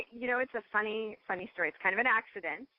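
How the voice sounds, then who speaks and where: A woman who makes cosmetics and works as a scientist joins a radio interview by phone, chatty, laughing often and restarting her sentences. She talks fast at a medium pitch over a dull, dry phone line.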